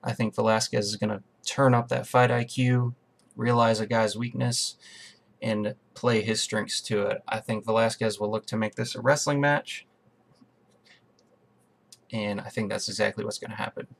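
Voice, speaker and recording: A man's voice: on the low side, steady tone, moderate pace, creaky. A man hosting a podcast, chatting casually about upcoming fights, rambling and correcting himself as he goes. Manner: rambling, self-correcting, talks to listeners as guys. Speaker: podcast host. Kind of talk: casual fight preview chat.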